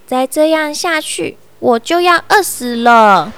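A woman voicing a timid, soft-spoken small man who is easily frightened, in a children's story. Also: high voice, animated, takes it slowly, voice pushed up, heavily acted. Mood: despairing. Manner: small, strained, pleading.

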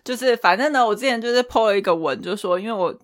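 A woman from Taiwan in her thirties, co-hosting a casual chat podcast and telling stories in an animated way, laughing often. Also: on the high side, quick pace. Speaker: podcast co-host.

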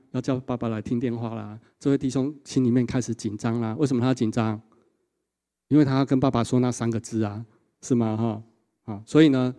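A male pastor, preaching a sermon and telling stories in an animated way, often tagging sentences with a short "ha". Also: medium pitch. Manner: animated storytelling with a frequent 哈 tag.

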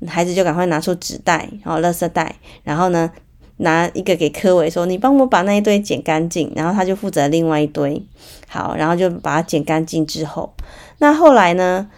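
A woman's voice: lowish voice, darkish tone. Woman, Taiwanese Mandarin accent, chatty parenting podcast host, story-driven and filler-heavy.

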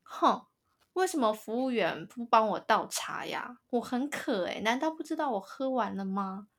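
A woman's voice: fairly high pitch, expressive, moderate pace, fairly bright tone. A woman putting on the voice of a spoiled, entitled young woman complaining at a restaurant, bossy and whiny.

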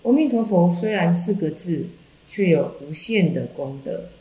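A woman Buddhist teacher calmly reading a Buddhist text aloud in a measured way, in an echoey room. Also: fairly low pitch.

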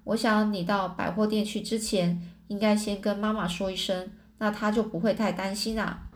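A woman voicing a calm, reassuring farm father in a storybook reading, in her own plain voice. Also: mid-range voice, normal speed, lightly acted. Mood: advising.

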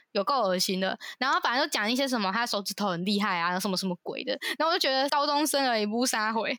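A young woman tells a story, bright and a little high. She sounds animated and indignant, clearly gossiping. The mic is close and dry, with no room sound. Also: no room sound. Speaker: podcast co-host. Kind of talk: casual chat, storytelling.

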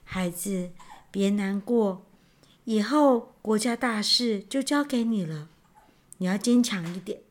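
A woman voicing a dying old king in a told story, speaking low, soft and solemn. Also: takes it slowly, lightly acted.

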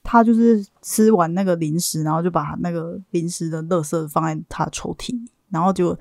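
A woman's voice: on the low side, a little fast, a little mellow, no room sound, studio quality. A young woman, co-hosting a podcast and telling funny stories in casual chat, laughing often. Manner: chatty storyteller, laughs often. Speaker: podcast co-host.

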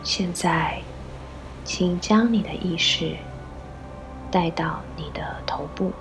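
A woman leading a guided meditation, gently giving instructions in a soft, breathy voice with pauses. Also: on the low side. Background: background music.

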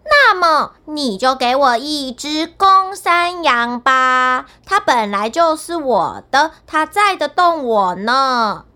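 A carefree young fool from a children's storybook, hollering in a high, bright voice with lively leaps in tone, as a woman storyteller puts him on. He stretches his calls out long and sounds delighted with everything. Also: heavily acted. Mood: gleeful, loud. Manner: shouting gleefully, drawn-out calls. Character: foolish cheerful young man, loud and carefree.

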